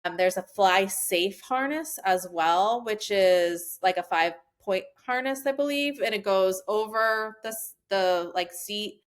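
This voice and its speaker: A woman's voice: mid-range voice, a little slow, hardly any pauses, smooth. A woman in her thirties, a podcast guest, chatting casually and giving practical travel tips with many "like" fillers.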